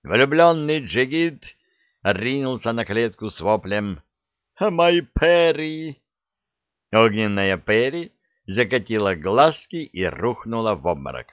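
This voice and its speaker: A man narrating a comic fairy-tale audiobook in a lively, expressive storytelling manner. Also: lowish voice, a little slow, no room sound, lo-fi sound.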